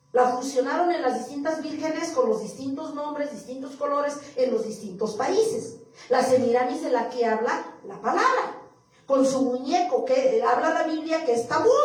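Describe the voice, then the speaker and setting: A woman preacher delivering a sermon to her congregation, reading scripture verses aloud and repeating them. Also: sits high. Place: church. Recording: echoey hall, far from mic.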